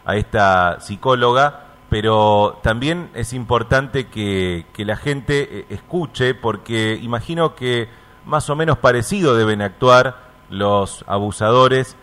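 A man interviewing a caller on the radio, asking gentle, probing questions with frequent hesitations. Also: medium pitch, slow pace.

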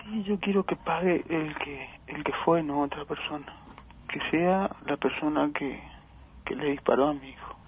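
A grieving father, speaking in a halting, emotional way during a phone interview. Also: a little high. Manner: halting, repeats words, emotional. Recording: tinny phone line with faint noise.

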